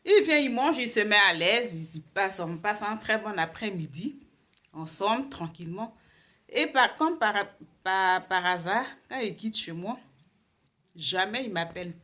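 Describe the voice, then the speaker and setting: Young woman vlogging her story time, slow and halting, lots of euh, kinda amused. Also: medium pitch. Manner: slow, hesitant, many fillers and restarts; animated, wry and amused. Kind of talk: casual story time to camera.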